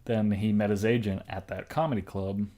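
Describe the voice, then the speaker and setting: A young man with a fairly low voice talks casually as a podcast co-host. He rambles through his stories and keeps circling back with fillers and restarts. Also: steady tone, moderate pace, dark tone. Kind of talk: casual chat.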